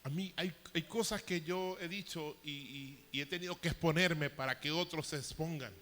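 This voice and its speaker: A man's voice: on the high side, moderate pace, fairly bright tone, a little hiss or hum. Emotional male pastor in a reverberant hall. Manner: emotional, storytelling with rising intensity. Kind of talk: sermon. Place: church hall.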